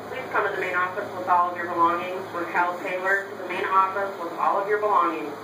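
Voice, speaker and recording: A woman's voice: on the low side, steady tone, fast. Woman, school intercom announcement, polite and formal, noisy background hiss. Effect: school intercom loudspeaker. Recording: echoey distant classroom capture with noise.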